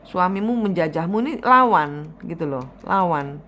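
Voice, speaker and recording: A woman's voice: fairly low pitch, expressive, moderate pace, sharp tone, slight background noise. A woman giving a tarot reading, advising bluntly and emphatically, slipping into phrases. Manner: blunt, emphatic advice with repeated "gitu loh", drops into Javanese phrases. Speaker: tarot reader.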